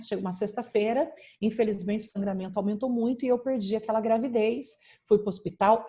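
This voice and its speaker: A woman's voice: a little high, mellow. Emphatic Brazilian woman preaching. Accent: Brazilian Portuguese. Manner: emphatic, frequent tag questions. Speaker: pastor. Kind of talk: preaching testimony on a video call. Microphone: video call.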